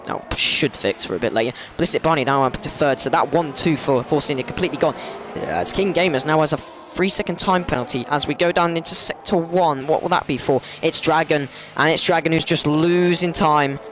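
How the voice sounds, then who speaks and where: With music playing behind him, a man gives fairly quick commentary on an online league race. He's excitable and prone to rambling and self-correction, and his voice goes higher when cars crash.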